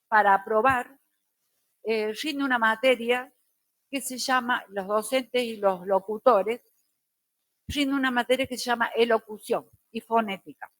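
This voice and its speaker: A middle-aged woman teacher, lecturing a class slowly and deliberately with careful diction. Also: fairly high pitch, fairly bright tone, no echo.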